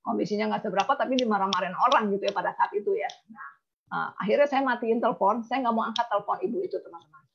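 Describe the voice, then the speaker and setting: A woman's voice: medium pitch, very fast, vocal fry, muffled recording, a little hiss or hum. A woman insurance agent telling a personal story in a talk, emotional and acting out the dialogue. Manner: emotional, acts out quoted dialogue.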